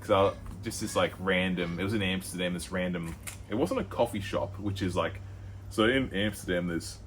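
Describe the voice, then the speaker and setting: A young Australian man co-hosting a podcast, telling a rambling story with lots of fillers and quick put-on voices. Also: deep voice, slight background noise. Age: young adult. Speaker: podcast co-host. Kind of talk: casual chat.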